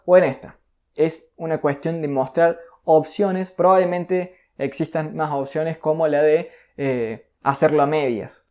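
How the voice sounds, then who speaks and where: A man's voice: fairly high pitch, darkish tone. A man teaching a recorded course lesson. He explains step by step and poses rhetorical questions. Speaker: course instructor.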